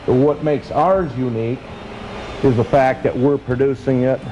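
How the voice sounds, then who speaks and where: Male log home producer, warm dark tone, halting plain explanations. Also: medium pitch, fairly even intonation, dull audio, a little hiss or hum. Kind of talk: casual interview.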